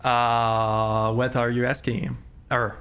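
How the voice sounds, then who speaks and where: A man improvising as game master of a tabletop roleplaying game, haltingly and repeating words as he goes. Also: mid-range voice, flat delivery, a bit bright.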